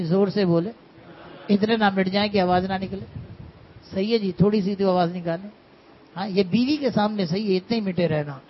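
A middle-aged religious teacher with a high voice preaches conversationally, teasing his listeners and calling them brother. The recording is muffled and lo-fi, with a little hiss or hum.

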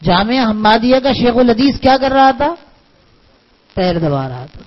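A man's voice: very high-pitched, sing-song, highs cut off. A man, a religious scholar, preaching a sermon and teaching through parables and rhetorical questions.

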